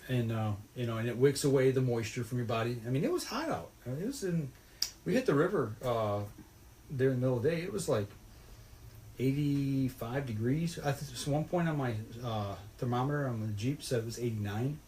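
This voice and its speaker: A man's voice: medium pitch, a little fast, a little hiss or hum. A man telling a rambling, folksy story about a fishing trip in casual podcast chat. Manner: rambling, folksy, animated retelling.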